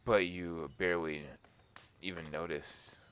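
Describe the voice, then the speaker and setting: A man's voice: low-pitched, fairly even intonation, a little slow, fairly bright tone, a little hiss or hum. A young man reading a dating game aloud, joking and doing voices as he plays. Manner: jokey, reads dialogue in voices. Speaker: gaming YouTuber.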